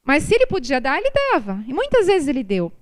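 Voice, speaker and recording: Brazilian woman speaker, high and lively, preaching through anecdotes at a prayer meeting. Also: fairly quick. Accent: Brazilian Portuguese. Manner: animated storytelling, tag questions after every point. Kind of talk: religious talk with storytelling. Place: prayer group meeting room. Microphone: microphone recorded for an online stream.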